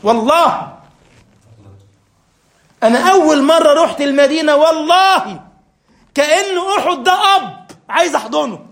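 High-voiced Egyptian preacher in echoey room. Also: male voice, expressive, moderate pace, vocal fry, long pauses. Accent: Egyptian Arabic. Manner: fervent, swings between hushed and emphatic. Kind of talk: sermon.

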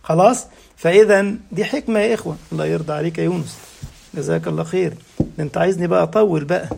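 A man's voice: fairly high pitch, racing, creaky, darkish tone, a little hiss or hum. A man with an Egyptian accent giving a sermon, who keeps asking the congregation rhetorical questions and answering them himself. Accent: Egyptian Arabic. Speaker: preacher.

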